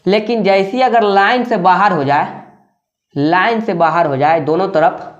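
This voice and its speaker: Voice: mid-range voice, a little slow, lo-fi sound. Patient, repetitive maths teacher. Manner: repeats key terms and asks rhetorical questions; checks in with tag questions. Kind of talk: classroom-style explanation.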